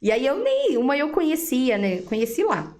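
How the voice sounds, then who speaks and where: A woman with a Brazilian Portuguese accent, a guest giving a personal faith testimony, telling her story in a lively way and acting out the dialogue she quotes. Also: sits high, moderate pace. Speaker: interview guest.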